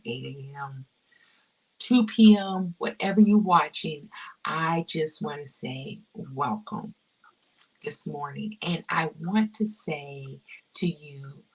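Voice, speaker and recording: A woman's voice: sits low, a bit bright, recorded from a distance. A woman hosting a casual crafting livestream, effusive and heartfelt, repeating her phrases and dropping to a whisper at times. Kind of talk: casual live-stream chat.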